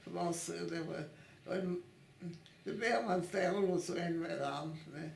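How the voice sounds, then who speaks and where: Gravelly halting woman in her nineties. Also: on the low side, darkish tone, a little hiss or hum. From born in Italy, raised in Italy and Switzerland. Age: 90s. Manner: halting, searching for words with many repeated restarts. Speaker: interviewee. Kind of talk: oral history interview. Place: her home. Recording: roomy echo in a home.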